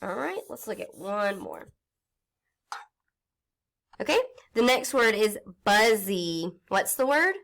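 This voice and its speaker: A woman's voice: mid-range voice, very animated, slow, vocal fry, pauses often, a bit bright. A woman teaching a recorded phonics lesson to young children, patiently sounding out letters step by step and reading a storybook aloud in an encouraging way.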